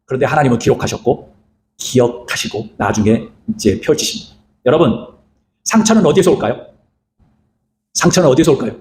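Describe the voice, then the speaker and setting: Animated, fast-talking male pastor. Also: medium pitch, reverberant, a little hiss or hum. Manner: animated, rhetorical questions, acts out quoted lines. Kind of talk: sermon retelling scripture.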